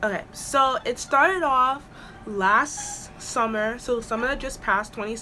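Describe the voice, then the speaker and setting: A woman's voice: fairly high pitch, a little slow, bright, forceful tone, faint music behind. A woman vlogger telling a storytime at home, chatty and rambling with lots of "like"s and restarts. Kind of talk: storytime vlog. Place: at home with an air purifier running.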